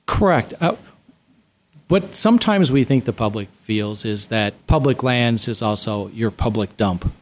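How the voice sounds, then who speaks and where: A man's voice: medium pitch, animated, measured pace. A man answering interview questions matter-of-factly as a guest in a radio studio.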